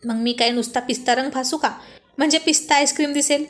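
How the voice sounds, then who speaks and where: A woman's voice: high-pitched, fairly even intonation, fast, fairly bright tone. A woman reading the lines of a cheeky young man who mocks his friend in jokes. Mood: mocking. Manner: mocking, jokey.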